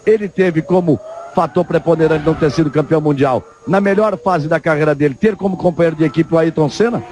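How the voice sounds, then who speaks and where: A man's voice: on the high side, fast talker. A man with a Brazilian accent giving live television commentary as a motorsport commentator, calling a race. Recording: loud engine noise behind commentary.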